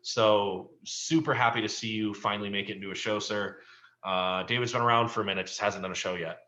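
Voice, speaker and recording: A man's voice: on the low side, fairly even intonation, fairly quick, pushed and bright, a little hiss or hum, rough recording. A man co-hosting a casual recap, talking through performers with encouraging, rambling remarks and plenty of fillers. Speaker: improv league coach and co-host.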